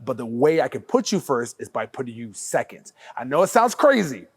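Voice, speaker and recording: A man hosting a casual podcast chat, talking emphatically and swearing, with quick agreements. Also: medium pitch, sing-song, slightly rough, dry recording. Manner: emphatic, profane, quick affirmations. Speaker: podcast host.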